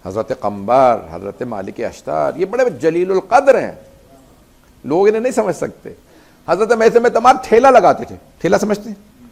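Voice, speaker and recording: A man's voice: medium pitch, creaky, a little mellow. A male preacher telling a story in a sermon, acting out the dialogue and building to emphatic peaks. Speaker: Islamic preacher.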